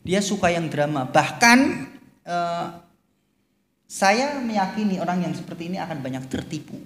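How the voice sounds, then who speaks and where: A man's voice: sits high, lively intonation, moderate pace, fairly bright tone. A man, a podcast guest, explaining his views at length in a casual religious talk. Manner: explanatory, lecturing, mixes in Javanese phrases. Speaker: guest speaker. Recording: echoey room with long reverb, faint hum.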